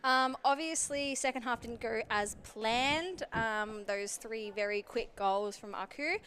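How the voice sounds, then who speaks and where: A woman's voice: fairly high pitch, unhurried, a bit bright, a little hiss or hum. A woman player giving a post-match interview, modest and hesitant with many ums.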